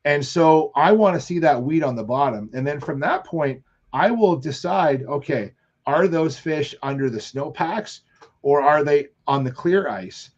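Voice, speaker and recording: Casting note: man, fairly high voice, rambling fishing storyteller, lo-fi muffled sound. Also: a little slow. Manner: rambling storyteller, animated quotes. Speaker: fishing show regular. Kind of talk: casual chat on live show.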